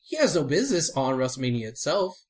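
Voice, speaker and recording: Animated man co-hosting a wrestling podcast. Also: a little high, fast. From Houston area. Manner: animated, laughs a lot, teasing. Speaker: podcast co-host. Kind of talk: casual podcast banter.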